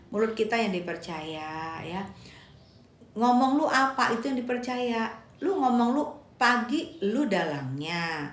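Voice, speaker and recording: A woman's voice: fairly high pitch, echoey room. A woman giving casual live-stream commentary. She argues emphatically, repeats her points and answers viewer comments aloud.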